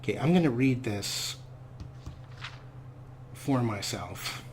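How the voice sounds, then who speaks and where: A man hosts a let's play, offering casual, playful game commentary that is wordy, wry and a bit theatrical. His voice sits at medium pitch and is expressive, with a slow pace. The recording is clear, with game ambience in the background.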